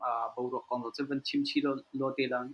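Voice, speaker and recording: A man speaking in a panel discussion in an animated way. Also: mid-range voice, fairly quick.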